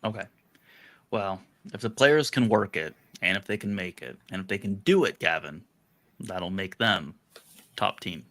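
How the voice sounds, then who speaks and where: A man with a lower voice and a bright, forceful edge talks through casual sports chat as a podcast co-host. His tone is playful and teasing. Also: normal speed.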